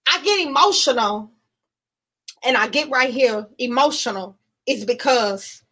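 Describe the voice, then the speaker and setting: A woman gives an emotional personal testimony. She tells it in an animated way, acting out what each person said along the way. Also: fairly high pitch, unhurried. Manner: animated storytelling, acting out both sides of conversations. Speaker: guest sharing testimony.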